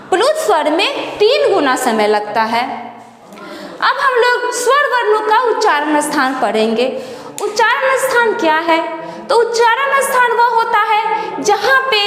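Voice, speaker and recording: A woman teaching a Hindi grammar lesson, explaining slowly and repeating definitions to her students. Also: very high-pitched, fairly bright tone. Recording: echoey room with long reverb.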